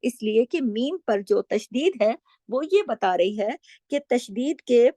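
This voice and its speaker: A woman's voice: on the high side, expressive, slow pace, mellow, dry recording, clean studio sound. A middle-aged woman teaching recitation rules, explaining patiently and asking and answering her own questions. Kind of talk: explaining tajweed rules, with slow recited examples.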